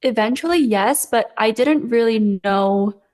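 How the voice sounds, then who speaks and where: A young woman from Los Angeles, guesting as an artist on a podcast, has a voice on the high side with a darkish tone and a measured pace. The interview is casual, and she speaks hesitantly with many fillers and small laughs.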